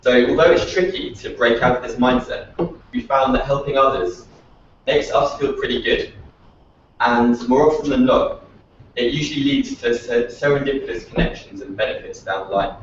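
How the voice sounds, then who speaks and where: A man's voice: mid-range voice, moderate pace, slight background noise. A man who founded a startup, giving a prepared, reflective talk at a meetup. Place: echoey venue room at a meetup. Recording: echoey, distant, dull lo-fi audio.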